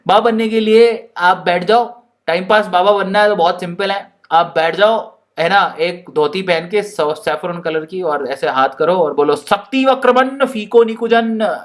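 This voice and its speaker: Playful high-voiced male chemistry teacher. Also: a little slow, hardly any pauses. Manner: playful, jokey, laughs while teaching; animated, mixes Hindi and English. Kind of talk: classroom lecture.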